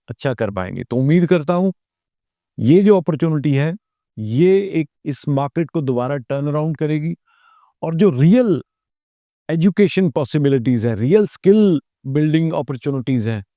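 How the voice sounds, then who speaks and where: A man, working as a study abroad consultant, giving a measured, explanatory talk with frequent fillers. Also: medium pitch, warm tone, no echo, clean studio sound. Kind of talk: informational talk to camera, mixing Hindi and English.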